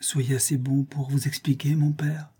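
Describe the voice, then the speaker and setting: A man reading a tearful, shy and pious young woman in an audiobook, in a soft, pleading, emotional voice. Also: medium pitch, little pitch movement, normal speed, husky, voice pushed up.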